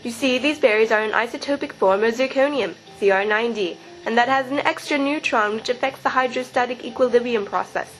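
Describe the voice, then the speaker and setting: A woman's voice: on the high side, brisk, few pauses, fairly bright tone, faint music behind, close to an everyday voice, rough recording. A woman playing an earnest, brainy alien woman in campy radio-serial style, reeling off technical explanations in a dramatic tone.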